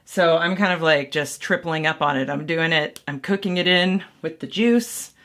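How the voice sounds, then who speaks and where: At a moderate pace, a woman with a low-pitched, slightly bright voice talks viewers through making mead at home. It's a casual how-to vlog, and she rambles, thinks aloud and pokes fun at her own errors.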